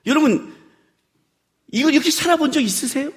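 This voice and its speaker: A man with a notably high voice preaches in a church worship service. His pitch swings widely as he talks the congregation through the passage in a conversational way. He breaks into loud, acted-out scolding now and then. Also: brisk. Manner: animated, conversational preaching with rhetorical questions; acts out scolding lines in sudden loud bursts. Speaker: pastor. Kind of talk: sermon.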